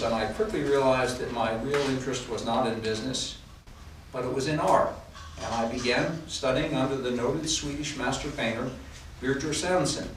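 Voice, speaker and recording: Recorded far from the mic in a big, echoing room of a house, a reenactment actor portrays a polite, kindly old art professor telling his story to guests. His medium-pitched voice is fairly ordinary, with room noise around it, and his storytelling is formal and courteous.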